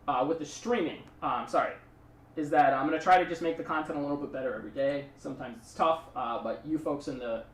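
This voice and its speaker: A man's voice: a little high, echoey room, recorded from a distance. A man streaming a card game, talking through his plays in a rambling, chatty way and thanking subscribers. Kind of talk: casual live-stream commentary.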